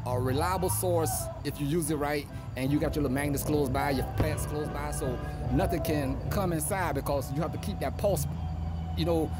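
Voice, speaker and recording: A man with a somewhat high voice rambles through a conspiratorial monologue in loose street slang. He speaks into a phone held in his hand outdoors near a street. Clear music plays under his voice. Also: normal speed. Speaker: vlogger. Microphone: phone held in hand away from face.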